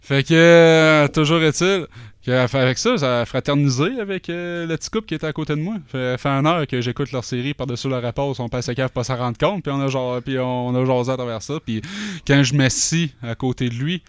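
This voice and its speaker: A man's voice: medium pitch, a little fast, clear, resonant tone, dry recording. A middle-aged man with a Québécois French accent, telling a long anecdote in casual chat, full of fillers and asides.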